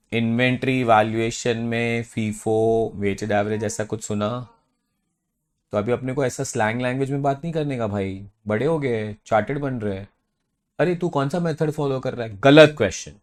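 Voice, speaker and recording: A man's voice: mid-range voice, smooth. A man giving a classroom accounting lecture, stressing key terms and often checking that students follow. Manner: emphatic, mixing Hindi and English, checks understanding often.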